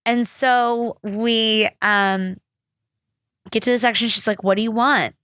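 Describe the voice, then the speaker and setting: A woman's voice: a little high, fairly even intonation, takes it slowly, fairly bright tone, no room sound, clean studio sound. A young woman hosting a casual solo podcast, telling a story in a rambling way, full of fillers and laughter. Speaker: podcast host.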